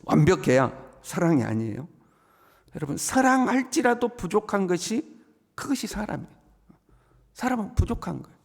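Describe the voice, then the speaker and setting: A man's voice: sits high, big pitch swings, moderate pace, gravelly, pauses often, big-room sound. A male pastor giving an early-morning sermon, asking the congregation rhetorical questions.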